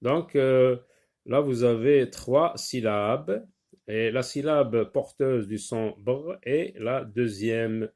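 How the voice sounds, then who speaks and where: In this phonics lesson for young kids, a man repeats every word a few times, often hesitating with fillers between them. His voice is mid-range and a little mellow.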